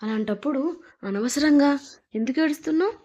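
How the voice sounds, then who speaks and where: A woman voicing a young man who gently soothes his crying wife, in a coaxing, tender way. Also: high voice, brisk, voice pushed up, natural voice. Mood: soothing. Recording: dull lo-fi recording.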